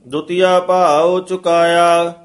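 Man chanting scripture slowly and flatly. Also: high-pitched. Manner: slow, even, half-sung line-by-line recital. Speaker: student.

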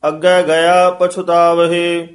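A man reciting scripture line by line as a student, half singing in a slow, even chant. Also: on the high side.

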